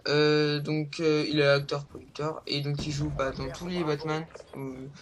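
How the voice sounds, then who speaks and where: A man's voice: a little high, little pitch movement, a little slow. A young man hosting a casual countdown vlog, hesitant, with lots of fillers and rambling asides. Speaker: vlogger. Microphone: low-quality home recording.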